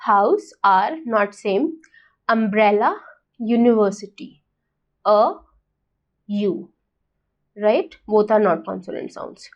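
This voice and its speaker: A woman from India teaching an exam-prep lesson, mixing Hindi and English with an Indian accent, talking slowly and deliberately and often checking whether students have understood. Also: mid-range voice, highs cut off. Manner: slow, deliberate, checks understanding with "right?" and "got it?".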